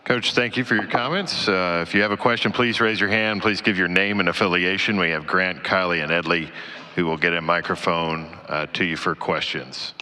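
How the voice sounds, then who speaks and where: Deep-voiced moderator with a bright edge. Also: male voice, steady tone, moderate pace. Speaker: press conference moderator. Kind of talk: announcements.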